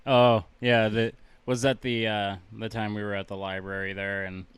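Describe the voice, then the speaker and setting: A man's voice: fairly low pitch, flat delivery, normal speed, smooth, dry recording. A young man co-hosting a casual podcast, ranting in an exasperated voice full of swearing. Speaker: podcast co-host. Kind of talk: casual chat.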